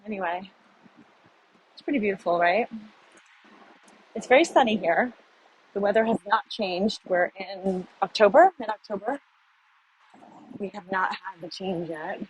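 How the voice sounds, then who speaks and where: In her casual city-street walking vlog, a middle-aged American woman rambles and thinks out loud, unhurried and pausing often. Her voice is mid-range, the recording is rough, and faint street noise sits in the background.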